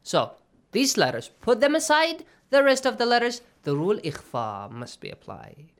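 Smooth-voiced recitation teacher, patient. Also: mid-range voice, wildly swooping pitch. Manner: checks in often with "okay?" and "right?"; slow, drawn-out demonstrations of pronunciation. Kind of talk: tajweed lesson to students.

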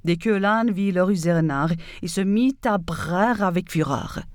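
A woman narrating a fable in a measured, expressive storytelling manner. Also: fairly low pitch, no echo, clean studio sound.

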